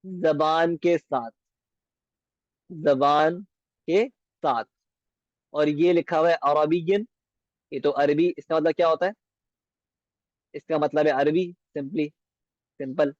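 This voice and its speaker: A man teaching beginner Arabic in a patient lesson, repeating words slowly and often asking if it is clear. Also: on the high side, steady tone, no room sound, muffled recording.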